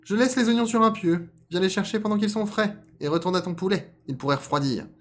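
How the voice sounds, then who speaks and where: Chubby smug rabbit trickster, some guy putting on the voice, super high pitched, loud and bouncy. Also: fairly quick. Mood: perky. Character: plump cocky male rabbit, quick-witted trickster.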